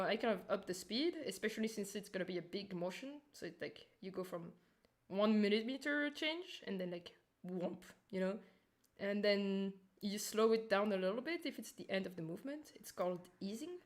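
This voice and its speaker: A woman with a Turkish accent chatting informally to her viewers on a livestream as a streamer and animator. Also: mid-range voice. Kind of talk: casual livestream chat and explanation.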